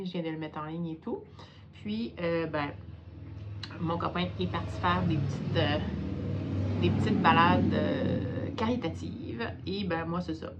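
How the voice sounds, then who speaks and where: A woman's voice: fairly low pitch, lo-fi sound, noisy background. A tired woman with a Quebec French accent chatting hesitantly at home in a casual book vlog, with many fillers. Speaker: book vlogger.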